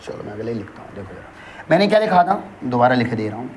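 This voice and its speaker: A man's voice: medium pitch, sing-song, a little hiss or hum. Man quizzing his class and answering himself. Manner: asks questions and answers them himself, calls listeners brother; dictates example sentences slowly word by word. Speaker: English grammar tutor. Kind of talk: classroom lesson with rhetorical questions.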